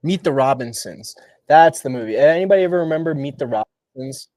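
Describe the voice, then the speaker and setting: A young man hosting a livestream, talking casually and upbeat, rambling and restarting his sentences, at times dropping low and at times getting loud. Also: expressive, brisk, no echo, clean studio sound. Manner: rambling, upbeat, restarts often and shifts between hushed and loud. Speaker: livestream host. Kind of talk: casual motivational livestream talk.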